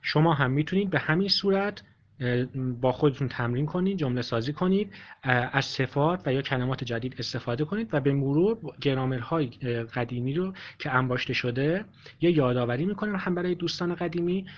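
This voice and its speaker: A man's voice: medium pitch, expressive. Man teaching a language lesson, dull recording. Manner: explains slowly, repeating each example sentence.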